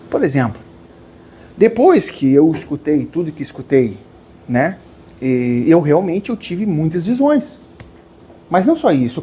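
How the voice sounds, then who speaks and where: A man's voice: high voice, mellow, slight background noise. A man gives a spiritual lecture to a live audience. He questions his listeners and calls them dear ones.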